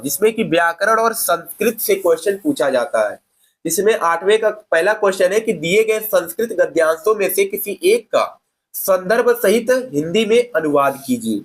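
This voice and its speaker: High-pitched guy going through an exam paper like a class, keeps saying okay and answering his own questions. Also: animated, moderate pace. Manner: fillers like "theek hai". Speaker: teacher. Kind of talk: exam paper walkthrough lesson.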